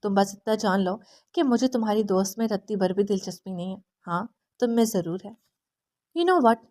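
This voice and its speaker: A woman's voice: medium pitch, lively intonation, a little mellow, close to an everyday voice. A woman doing a smug, scheming young man. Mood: smug teasing.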